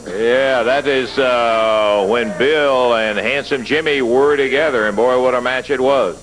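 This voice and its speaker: A man announcing a TV wrestling show with relaxed, folksy asides. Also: medium pitch, measured pace, poor audio. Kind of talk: wrestling TV commentary. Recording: loud background noise.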